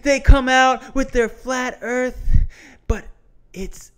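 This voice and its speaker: Man doing a high-pitched, slow-burning wrestling promo. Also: fairly even intonation, a bit bright, clean tone, heavily acted. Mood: fired up. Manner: theatrical, emphatic, confrontational, with slangy rhetorical questions. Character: indignant, taunting male wrestler cutting a promo against flat earthers. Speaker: geography teacher. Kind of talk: wrestling promo parody of a science lecture.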